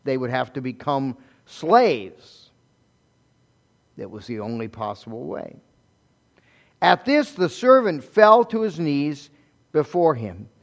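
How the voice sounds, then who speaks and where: A man preaching a sermon in a conversational way, asking rhetorical questions and moving between loud emphasis and soft, low asides. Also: big pitch swings, slow, creaky, pauses often. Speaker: pastor.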